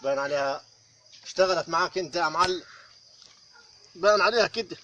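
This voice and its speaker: A man's voice: fairly high pitch, fast talker, bright, forceful tone, dull audio. A man playing an exasperated, teasing stoner pal in an Egyptian comedy sketch, with repetitive, colloquial stoner talk. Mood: teasing, incredulous. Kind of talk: comic sketch acting. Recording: faint noise with insect ambience.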